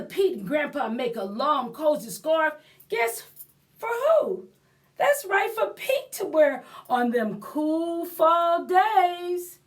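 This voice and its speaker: A library storyteller with a high-sitting voice reads a picture book aloud to young children. She reads expressively, stopping to explain things and to prompt her listeners.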